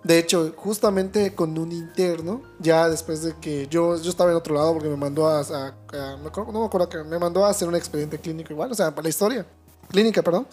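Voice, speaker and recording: A man's voice: on the high side, fast, soft background music. Mexican man telling a story animatedly. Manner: animated storyteller, acting out quoted shouting. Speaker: podcast guest. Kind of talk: casual chat.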